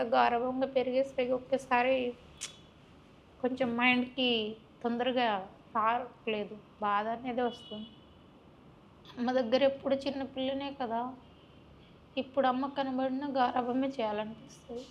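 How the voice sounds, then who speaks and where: A woman's voice: sits high, fairly even intonation, moderate pace, long pauses, slight background noise. A young woman, recounting her personal story in a plaintive, heartfelt way as an interview guest. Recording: muffled recording.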